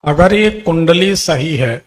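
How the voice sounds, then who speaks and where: A man's voice: on the high side, lively intonation, takes it slowly. A man giving an astrology consultation, questioning a client and stating predictions with authority.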